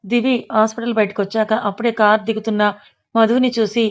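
A woman reading a serialized story aloud in steady narration. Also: a little high, a little fast, highs cut off.

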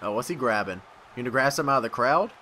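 A man hosting a gaming video, giving excitable let's-play commentary, yelling, laughing and trash-talking his opponent. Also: medium pitch, rapid-fire, a little hiss or hum. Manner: laughs often.

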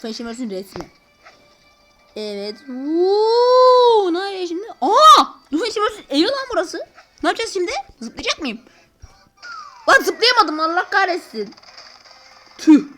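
High, lively young-sounding woman gaming. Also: measured pace, long pauses, faint music behind. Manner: slangy, loud sudden exclamations. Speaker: gameplay channel host. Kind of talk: excited gameplay commentary.

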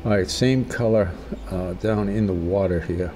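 An older man giving a casual watercolor tutorial as a gentle, encouraging, unhurried painting instructor. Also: low voice, slight background noise.

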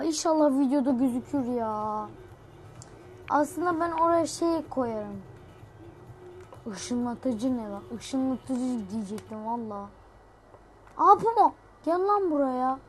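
A woman giving excitable gameplay commentary, swearing playfully and shouting sudden exclamations. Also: high-pitched, a little hiss or hum. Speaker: gamer.

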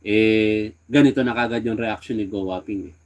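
A man's voice: on the low side, fairly even intonation, moderate pace. A man giving casual commentary on a clip, talking in a conversational, chiding way with rhetorical questions. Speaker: political commentator.

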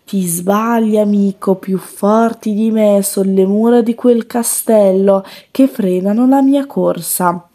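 The wind in a children's storybook, speaking soft and hushed, as a woman reads it. The voice is mellow and gentle. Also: medium pitch, slow pace, few pauses.

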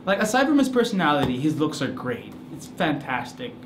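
A man's voice: fairly high pitch, big pitch swings, fairly quick, background noise. A young man playing a teasing, pushy prankster who rambles in an offhand way. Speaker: prankster actor in an improvised film. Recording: roomy echo with loud music behind.

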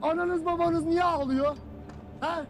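An actor playing a stern, bitter army commander who scolds his soldiers in a film drama, cutting and repetitive, shouting his orders. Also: very high voice, steady tone, measured pace. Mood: furious, shouting. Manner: harsh, cutting, repeats himself and shouts orders.

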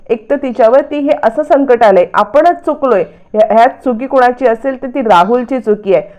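Lady doing a cranky old grandpa type, scolding everyone, pitched kinda high. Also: darkish tone. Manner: scolding, indignant. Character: stern angry old male family patriarch.

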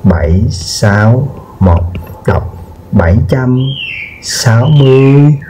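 A man teaching a children's math lesson, explaining slowly, repeating himself and often checking whether the viewers have followed. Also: medium pitch, expressive, warm tone, slight background noise. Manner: slow, repeats words and asks "được chưa?". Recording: dull lo-fi sound with guitar music behind.

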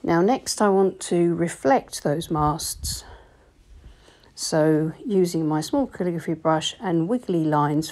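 Calm low-voiced woman teaching painting. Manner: calm, explanatory, gently instructive. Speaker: watercolour teacher. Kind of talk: painting tutorial voice-over.

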